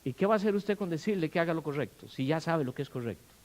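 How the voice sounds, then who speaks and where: Man, animated sermon, fairly high voice, very lively pitch, questions the congregation. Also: fast, low-quality recording. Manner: animated, asks the congregation questions, acts out quarrels in loud bursts. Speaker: pastor. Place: church. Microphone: handheld or stand mic.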